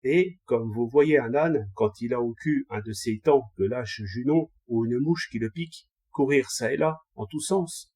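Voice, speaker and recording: Brief: male audiobook reader, mellow and husky, steady storybook narration. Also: medium pitch, a little slow, hardly any pauses. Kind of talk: scripted narration of a classic text.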